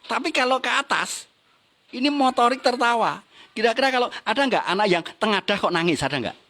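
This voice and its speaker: A middle-aged man leads a motivational seminar. His voice sits high, and he keeps firing questions at the audience and chuckling at his own points. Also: fairly quick. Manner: lively, teasing the audience with questions and laughing. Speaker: business motivational trainer.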